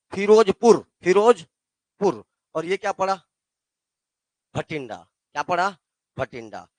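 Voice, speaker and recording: Recorded dry, this high-pitched male teacher speaks with a Chhattisgarh Hindi accent. He's teaching geography in class, calling out questions for students to answer back and calling them "beta."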